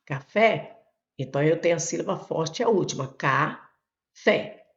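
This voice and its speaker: A woman's voice: low voice, lively intonation, brisk, darkish tone. A Brazilian woman teacher working step by step through exam questions, pointing things out with frequent "ó" and "olha". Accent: Brazilian Portuguese. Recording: echoey room, dull lo-fi sound.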